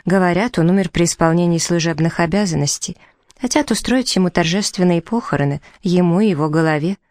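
A woman's voice: fairly low pitch, fairly quick, a little mellow, dry recording, studio quality, natural voice. A woman reading the part of a playful, mischievous young woman who teases her sister with ironic remarks. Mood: teasing.

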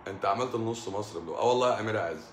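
A middle-aged Egyptian man hosts a live stream as a doctor, talking to his viewers in a rapid, casual flow. His voice sits low, and he keeps breaking into laughter as he tells stories. The sound carries a roomy echo. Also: a little hiss or hum. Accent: Egyptian Arabic. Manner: joking storyteller, laughs often.

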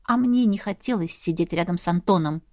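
A woman narrating an audiobook in the first person, soft-spoken, dropping to a hush for some of her own replies. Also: on the low side, fairly quick, dry recording, studio quality.

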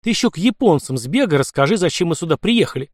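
A gloomy male commissar grumbles and presses his questions, as a male audiobook narrator puts him on. His voice is a touch higher than average. The recording is dry and close. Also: animated, quick pace, dry recording. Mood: tense. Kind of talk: audiobook character voice.

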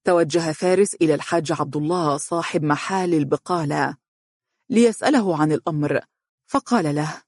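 A narrator with an Egyptian accent reading a novel aloud in a steady, formal manner. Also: medium pitch, a little fast, no room sound, studio quality. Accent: Egyptian Arabic.

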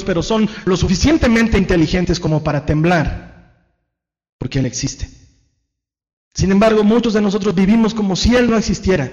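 A male pastor preaching a sermon in an animated way, acting out the excuses people make in little quoted voices. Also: high voice. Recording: dull lo-fi sound.

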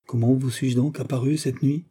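A man reading aloud plays a young warrior king with an imperious, booming manner of command. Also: normal speed, dark tone, breathy edge, close to an everyday voice. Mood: wooing.

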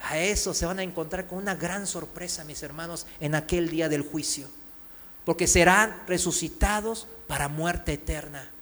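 A man's voice: a little high, normal speed, a bit bright. A man with a Mexican accent preaching a sermon, emphatic, firing rhetorical questions at the congregation. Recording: long reverb in a hall.

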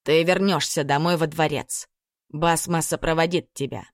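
A woman's voice: low-pitched, steady tone, normal speed, dry recording, clean studio sound. A woman reading the lines of a domineering male sheikh, cold and threatening, in an audiobook.

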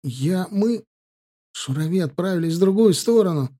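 A man's voice: fairly high pitch, lively intonation, moderate pace, warm tone, husky, voice pushed up. A man voicing a frightened young shepherd boy who stammers out desperate pleas. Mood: terrified pleading.

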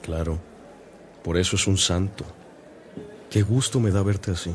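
A man plays an amused, encouraging priest in a radio serial. His voice sits fairly low and he takes his time, gently approving of whoever confides in him. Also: a little slow, slight background noise. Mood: kindly, amused. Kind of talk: radio drama acting.

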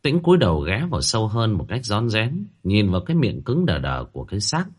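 A man tells a ghost story in a husky, fairly low voice. His pitch rises and falls widely as he builds drama. He narrates steadily and voices the people in the tale. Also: wildly swooping pitch, a little fast. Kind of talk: storytelling narration with acted dialogue.

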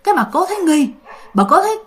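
A woman storyteller with a Southern Vietnamese accent, chatting directly to her listeners. Her voice sits high and moves animatedly up and down. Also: very animated, fast talker, fairly bright tone. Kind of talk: casual ghost story narration.

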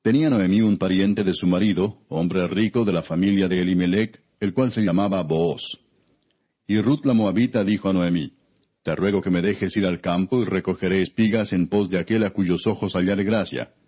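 A man narrating scripture as an audiobook in a solemn, measured reading style. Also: deep voice, slightly rough. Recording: dull, muffled lo-fi recording.

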